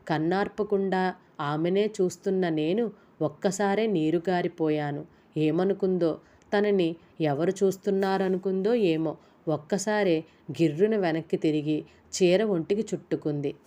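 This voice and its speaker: A woman with a fairly low voice reads a romantic story aloud, calm and measured, like a storybook narration. Her tone is mellow and dark rather than bright, and her reading stays steady from line to line.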